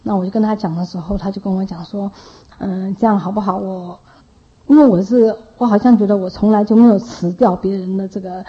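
A woman's voice: mid-range voice, fairly even intonation, fairly quick, highs cut off. A woman who looks after children tells a personal faith testimony in a rambling way, with many restarts and repeated tag phrases.

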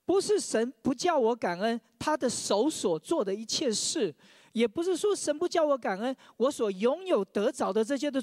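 In a clean studio recording with no echo, a man with a very high-pitched, slightly mellow voice preaches a sermon. He shares his personal testimony, often stammering over repeated words, and leads the congregation in reading scripture aloud.

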